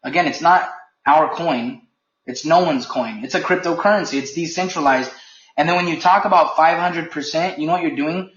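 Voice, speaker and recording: A man's voice: a little high, moderate pace, fairly bright tone. A man leading a company webinar, speaking firmly and with emphasis, a little heated. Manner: firm and emphatic, lightly heated. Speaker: company leader presenting a webinar. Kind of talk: webinar briefing. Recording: echoey, dull lo-fi webinar audio.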